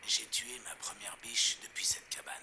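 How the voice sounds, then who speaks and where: An actor playing a preachy male survivalist broadcaster on a pirate radio broadcast, hushed and urgent, in a video game dub. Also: mid-range voice, flat delivery, moderate pace, in a whisper.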